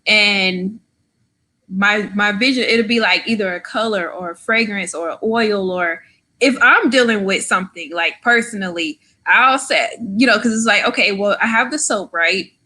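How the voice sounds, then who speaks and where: Bright-voiced chatty woman in her thirties. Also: mid-range voice, moderate pace. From Florida, USA. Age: 30s. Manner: chatty, lots of "like" and "right?" tags. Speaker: podcast guest, entrepreneur. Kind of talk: casual interview storytelling.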